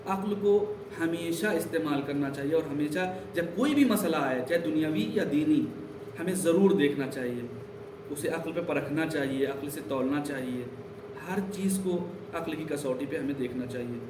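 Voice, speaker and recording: A man's voice: a little high, noisy background. A man giving a religious lesson, explaining with emphatic repetition and telling stories. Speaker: religious teacher. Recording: roomy echo, distant mic.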